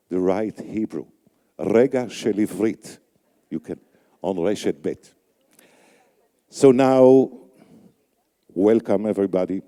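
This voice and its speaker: On a conference stage, a radio announcer acting as host, an older man brought up with Yiddish, delivers emcee remarks slowly into a microphone. He's deliberate and halting, using fillers and brief pauses as he picks his words, and his low, very dark voice echoes around a big reverberant hall.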